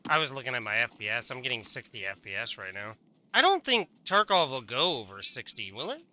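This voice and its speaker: A man's voice: medium pitch, very animated, a little fast, sharp tone. A man streaming a game, chatting casually with a teammate, swearing often and trailing off mid-sentence. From United States. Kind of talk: casual gaming chat.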